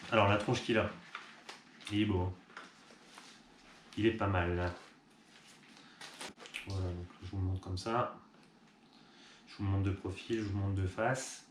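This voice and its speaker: A man's voice: low voice, steady tone, unhurried, long pauses. A man who runs an online shop, chatting casually and upbeat with fillers as he unboxes a product. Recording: echoey room with clear background noise.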